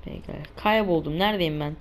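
A woman's voice: lowish voice, fairly quick. Exasperated woman ranting through gameplay. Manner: exasperated, cursing and ranting at enemies. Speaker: gamer playing a survival shooter. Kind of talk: let's play commentary.

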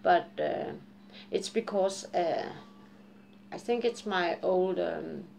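Gravelly and darkish, with a lowish pitch, this forties-aged vlogger's voice carries Japanese and Danish accents from her roots in both countries. She rambles candidly to a webcam in her dim living room, laughing often and cursing freely, with slight background noise.

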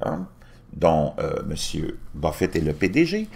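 A man's voice: very deep voice, huge pitch swings, unhurried, creaky, a little mellow. A middle-aged man hosting his own channel, reading news articles aloud from his screen and adding his own asides. He often stumbles and restarts words while reading, recorded on a desktop mic in a small room at home. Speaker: YouTube channel host.

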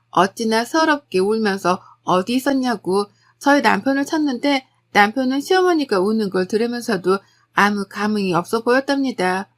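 A woman reading a first-person family story aloud as a channel narrator, in a confiding, gossipy tone. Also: fairly high pitch.

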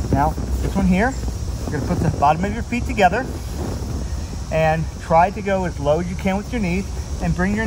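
Man coaching stretches outdoors. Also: high-pitched. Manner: calm step-by-step coaching cues. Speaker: fitness instructor, trail vlogger. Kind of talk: instructional demonstration. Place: small tent in a backyard, outdoors. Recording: outdoor noise with insects.

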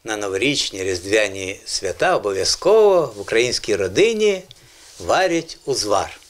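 A man's voice: lowish voice, sing-song, normal speed, music in the background. A man hosting an educational children's TV show about language, explaining words patiently and encouraging the children in the studio. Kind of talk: educational TV presenting.

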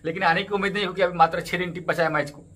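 Talking quickly and casually right into a close webcam, a man in his thirties uses a high, bright voice with fairly even intonation. He runs a cricket ticket update YouTube channel and, in this tutorial vlog shot indoors against a green screen stadium backdrop, walks through app steps one by one. He repeatedly returns to promoting his channels.

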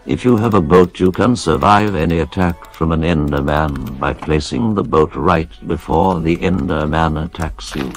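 A synthetic male text-to-speech voice reading donation messages in a flat, deadpan recital. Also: a bass voice, moderate pace, hardly any pauses, faint music behind.

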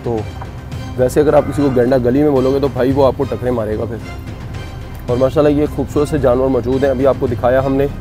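A man's voice: medium pitch, steady tone, brisk, music in the background. A man giving casual walking vlog commentary while touring a cattle farm outdoors, chatty and joking with his viewers.

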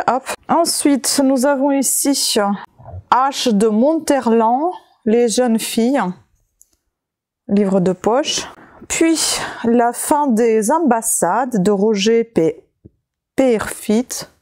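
Slow, soft-voiced woman listing books. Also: on the high side. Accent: French-speaking with a non-native accent. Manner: slow, hesitant listing with many fillers. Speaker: vlogger showing found books. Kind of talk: casual haul video chat.

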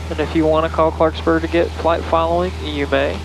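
A middle-aged male flight instructor coaches casually over the headset intercom in a small propeller plane in flight. His voice is fairly high with little pitch movement and a slightly fast pace, picked up by an aviation headset boom mic with clear engine noise.

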